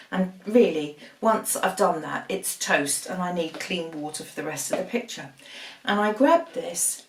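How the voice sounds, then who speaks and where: A middle-aged woman hosts her art vlog from home, telling stories in a bright, animated and self-mocking way. Her voice sounds roomy and slightly distant from the mic. Her pitch sits in a middle range. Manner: lively storyteller, animated, self-deprecating. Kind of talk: chatty anecdote and painting demo. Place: room at home.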